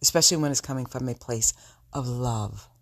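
A woman with a sultry, husky voice, speaking intimately and reflectively to her listeners as a solo podcast host. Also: rumbling low, a little fast.

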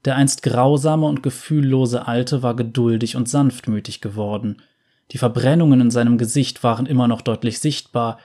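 A man narrating a fantasy story in a calm, measured way. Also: mid-range voice.

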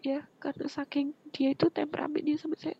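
A woman, earnestly telling her personal story as an interview guest, often dropping into a soft breathy whisper. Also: sits high, flat delivery, brisk. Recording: muffled lo-fi with faint background noise.

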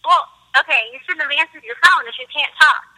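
A woman's voice: high voice, quick pace, sharp tone. A woman caller heard over a phone on speaker, chatting casually and laughing between lines. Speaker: caller, podcaster's sister. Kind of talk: casual family phone chat. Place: on a phone call, elsewhere. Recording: tinny speakerphone, from the mic.

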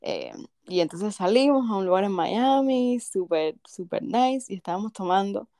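A woman co-hosting a podcast, telling a story in a relaxed casual chat and laughing softly along the way. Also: mid-range voice, normal speed, dry recording, studio quality. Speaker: podcast co-host.

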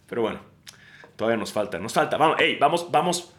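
Animated Mexican man telling stories. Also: medium pitch, quick pace. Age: 30s. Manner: animated, slangy, swears freely. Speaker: podcast host. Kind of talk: casual storytelling monologue.

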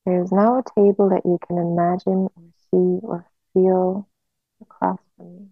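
A woman guiding a hypnosis relaxation in a slow, soothing hypnotist manner with long pauses, on a narrow phone-like recording. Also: fairly low pitch, little pitch movement, vocal fry, no room sound.

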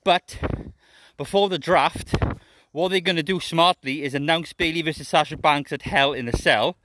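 A man's voice: fairly high pitch, moderate pace, bright, forceful tone. A middle-aged man hosting a podcast, chatting casually and unscripted in a blunt, opinionated way. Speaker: podcast host.

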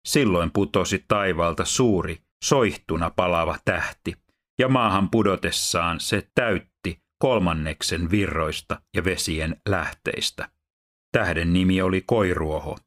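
A man reading Bible passages aloud in a steady, measured way, then going on to teach about them. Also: low voice. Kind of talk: scripture reading.

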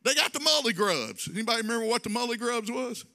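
A man's voice: very high voice, expressive, fast, bright, forceful tone. A male pastor preaching a conversational sermon, drawing phrases out in a sing-song and adding folksy asides.

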